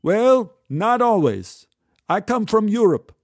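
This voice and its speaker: A man voicing a confused elderly male warehouse worker, high and slow, drifting in his replies. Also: big pitch swings, no echo, studio quality, full character voice. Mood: bewildered. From Poland. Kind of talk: storytelling.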